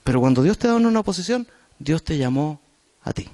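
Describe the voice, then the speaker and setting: A man's voice: a little high, expressive, fairly quick, warm tone. A man with a Chilean Spanish accent preaching a sermon in a church, talking directly to the congregation in a conversational way. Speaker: pastor.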